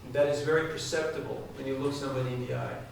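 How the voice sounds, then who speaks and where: A spiritual speaker with a mid-pitched, gravelly voice talks rapid-fire in a steady tone, often turning to his live audience with direct questions during his devotional talk. He's recorded from afar in a large, very reverberant hall, with a faint hiss underneath.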